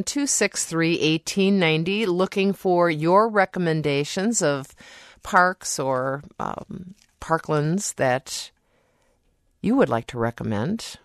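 A woman hosting a radio call-in show with a smooth, polished radio host delivery, reading promos and introducing callers from a studio microphone. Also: lowish voice, no echo.

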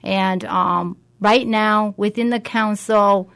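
A woman's voice: mid-range voice, fairly even intonation, takes it slowly, vocal fry, fairly bright tone. A woman guest, a community coordinator, giving an explanatory answer in an interview.

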